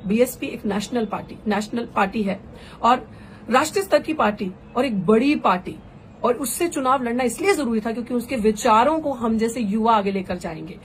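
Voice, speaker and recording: A woman's voice: a little high, lively intonation, moderate pace, slight background noise. Fervent woman giving a political address. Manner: fervent, rhetorical, mixes English phrases. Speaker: political activist and candidate. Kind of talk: impassioned live political address.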